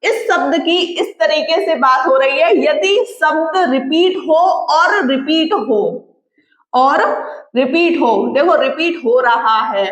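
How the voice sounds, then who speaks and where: A woman with a high voice teaches an exam-prep grammar lesson at an unhurried, drawn-out pace. She checks in with her students again and again as she explains. The sound is roomy and a little dull. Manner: drawn-out, patient explaining with frequent check-ins. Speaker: Hindi teacher.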